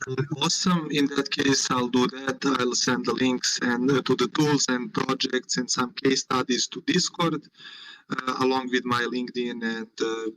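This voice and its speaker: A man giving an informal online talk as a guest speaker from home, pausing often mid-phrase. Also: medium pitch, steady tone, fairly bright tone, rough recording. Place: at home, indoors. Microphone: internet call.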